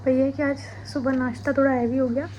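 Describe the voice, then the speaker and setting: A woman's voice: high voice, flat delivery, quick pace, lo-fi sound, background noise. Chatty young woman vlogging at home. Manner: chatty, storytelling to viewers. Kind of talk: casual home vlog. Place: at home, kitchen.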